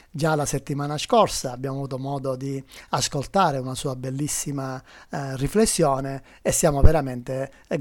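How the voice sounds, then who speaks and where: A man reading a gospel passage aloud and reflecting on it in a devout, measured way. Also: medium pitch, darkish tone, no room sound, clean studio sound. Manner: devout, measured, rising emphasis on key phrases. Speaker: lay presenter of a gospel reflection. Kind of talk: reading and preaching on scripture.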